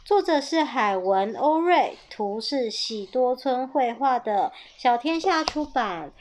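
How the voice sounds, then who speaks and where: A woman reads a picture book aloud to young listeners with playful, animated delivery. Her voice sits a little high, and she rises into loud bursts whenever a character shouts. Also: slow pace. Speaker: storyteller reading a picture book to children.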